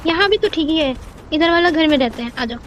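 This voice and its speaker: Very high-voiced woman directing a game. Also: expressive, fast. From Jharkhand, India. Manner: urgent, bossy, directing her teammate. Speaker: gamer. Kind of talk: casual gameplay chat. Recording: noisy game audio.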